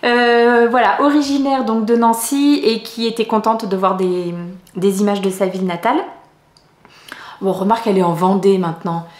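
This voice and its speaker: A middle-aged woman from France chatting in a casual knitting vlog, rambling with many hesitations and soft laughs. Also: medium pitch, steady tone, normal speed, reverberant. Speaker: knitting vlogger.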